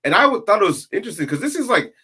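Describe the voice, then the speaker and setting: A man's voice: high-pitched, very animated, racing, sharp tone, husky. A man telling a personal story in a laid-back, casual way, full of "like". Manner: laid-back, uses lots of "like".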